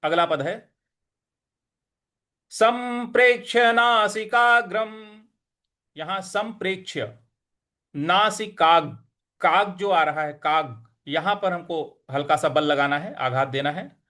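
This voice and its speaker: A man teaching scripture recitation, chanting verses slowly and explaining pronunciation between them. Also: on the high side, bright, forceful tone. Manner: slow measured chanting of verses, then quick plain explanations; devotional greetings. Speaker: Gita teacher.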